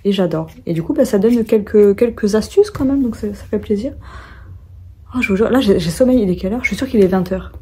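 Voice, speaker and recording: A woman's voice: mid-range voice, brisk, mellow, breathy edge. Rambling sleepy woman vlogger. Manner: rambling, many fillers and restarts. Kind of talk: casual chat to camera.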